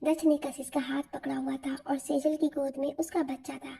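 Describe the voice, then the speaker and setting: A woman narrating an audio love story in scripted storytelling, soft and emotional. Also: high-pitched, little pitch movement, normal speed, creaky, far from the mic.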